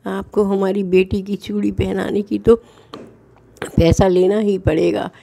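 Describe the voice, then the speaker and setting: A woman's voice: mid-range voice, flat delivery, a little slow, gravelly, dark tone. A woman voicing a remorseful older merchant who tearfully begs forgiveness in a devotional story. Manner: tearful pleading apology.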